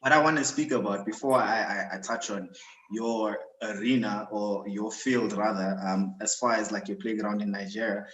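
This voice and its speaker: A man's voice: fairly low pitch, fairly even intonation, moderate pace, a bit bright, a little hiss or hum. A man hosting a live-stream interview, conversational and affirming, asking long questions with a few stumbles. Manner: conversational, lots of affirming hums, acts out a client's voice. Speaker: host. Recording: echoey room.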